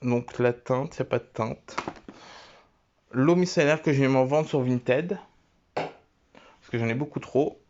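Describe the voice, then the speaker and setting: A man casually showing and naming his items one by one, talking haltingly with many fillers and restarts. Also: mid-range voice, a little mellow, highs cut off, slight background noise. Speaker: vlogger. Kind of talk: casual show-and-tell.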